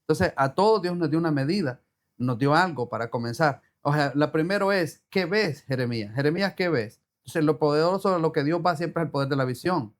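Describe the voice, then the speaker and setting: A slightly high male voice, brisk in pace, belongs to an entrepreneur answering interview questions. Earnest and repetitive, he sprinkles Bible quotes into an easygoing talk that sounds almost like preaching.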